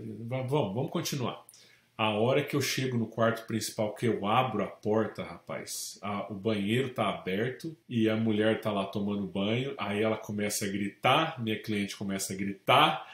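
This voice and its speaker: A Brazilian man, a real estate agent, telling lively stories in a casual interview and acting out the people in them. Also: mid-range voice. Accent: Brazilian Portuguese. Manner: animated anecdotes, acts out quoted people. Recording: echoey room.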